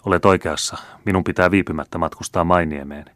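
A man's voice: low-pitched, steady tone, a bit bright, no echo. A man reading the lines of a remorseful noble count in an audiobook, in an earnest, heartfelt way. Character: noble middle-aged male count, remorseful.

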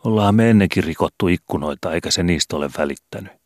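A man's voice: deep voice, a little mellow, no room sound, studio quality, natural voice. A sturdy street boy argues bluntly in slang, his voice only a little raised, as a man reads him aloud. This is a reading of an old storybook. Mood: stubborn.

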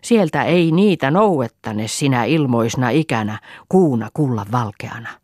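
A woman's voice: very deep voice, animated, darkish tone, dry recording, studio quality. A woman voicing a stern old village healer woman who chants charms and gives commands. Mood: stern chanting. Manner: incantatory, commanding.

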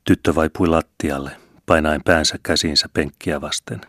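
A man reading a classic novel aloud as an audiobook narrator, measured and earnest. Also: extremely low pitch, fairly even intonation, fairly bright tone, no echo, clean studio sound. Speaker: audiobook reader.

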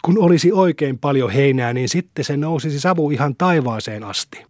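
A man reading aloud and voicing a gleeful, excitable young village boy in an audiobook. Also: on the high side, dry recording, studio quality, natural voice.

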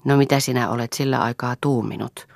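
An easygoing young man who likes to tease, as a woman reader plays him speaks with amused calm. The voice stays low and a little gravelly, close to the reader's own, in a dry, close recording. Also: dry recording. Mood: teasing. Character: young man, gently teasing and good-humored.

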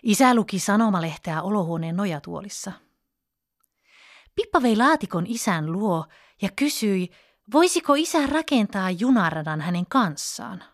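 A woman telling a children's fairy tale in an expressive, storybook way. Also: medium pitch, no echo, studio quality. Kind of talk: children's bedtime story reading.

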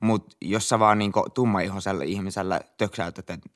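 A man's voice: deep voice, steady tone. A young Finnish man co-hosting a casual podcast chat, speaking frankly with lots of filler words and casual swearing. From Finland. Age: young adult. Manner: frank, slangy, with frequent "niinku" fillers and swearing. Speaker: podcast co-host.

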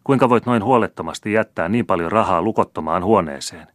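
A grasping old moneybags sneers and scolds in a raised, forceful voice, put on by a male audiobook reader. The reading is close and dry, with no room sound. His contempt for everyone around him runs through every line. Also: low-pitched, no echo, pitched above the performer's own voice, natural voice. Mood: scolding. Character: scornful old miserly rich merchant.

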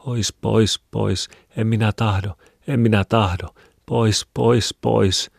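A man's voice: on the low side, fairly even intonation, gravelly, pushed and bright, no echo, studio quality, voice pushed up, full character voice. A man voicing a panicked, whimpering madwoman. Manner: whimpering, pleading repetition. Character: distressed mentally ill peasant woman, panicked.

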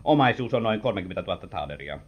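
A sly, flirtatious gentleman who talks with big theatrical swoops, rising and falling all over. It sounds like a dull, lo-fi vintage radio recording. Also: low-pitched, animated, slightly rough. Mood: smooth. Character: sly, flirtatious gentleman bearing news of an inheritance. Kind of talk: vintage radio play acting.

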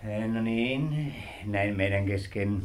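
An actor playing a fussy, placating lawyer in a 1960s radio drama, smoothing things over. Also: male voice, fairly low pitch, natural voice. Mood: smooth persuasive. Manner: fussy, placating, stammers when flustered. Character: fussy soothing middle-aged lawyer.

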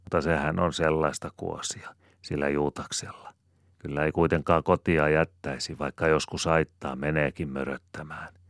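A man's voice: very deep voice, flat delivery, fairly bright tone, no room sound, clean studio sound. A man voicing a bustling, fond rural mother who rambles in homely chatter and croons lullabies to her baby.

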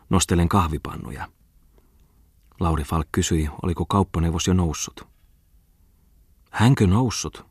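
A man reading a novel aloud as an audiobook, in measured storytelling narration. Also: low-pitched, darkish tone, slightly rough, no echo, clean studio sound. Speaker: audiobook reader.

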